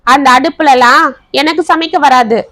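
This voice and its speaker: A woman's voice: high-pitched, moderate pace, bright, forceful tone. A woman voicing a haughty, scornful middle-aged mother. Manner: scornful, complaining.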